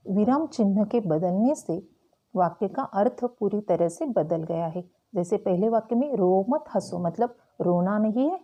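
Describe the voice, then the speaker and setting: A woman teacher explaining a Hindi grammar lesson slowly and carefully to school students. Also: medium pitch, dull audio. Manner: slow, careful explaining with frequent "tो चलो".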